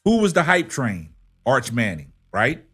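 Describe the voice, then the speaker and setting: A man's voice: medium pitch, huge pitch swings, measured pace, a bit bright, slightly rough, soft background music. A man hosting a sports talk show, emphatic and argumentative, firing rhetorical questions and checking in with short tags. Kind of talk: sports commentary and debate with a caller.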